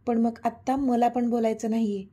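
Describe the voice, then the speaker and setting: A woman's voice: a little high, flat delivery, moderate pace, warm tone, husky. A woman voicing an irritated young woman who pushes back defiantly, in a storybook reading. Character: young woman, angry and proud heroine.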